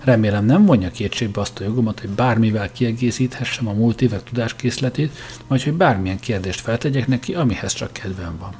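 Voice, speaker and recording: Sex: man. Figure: a man voicing a sharp probing grandmaster. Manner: cutting, questioning. Pitch: fairly low. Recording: faint music. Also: close to an everyday voice. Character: shrewd probing male grandmaster, dry and cutting.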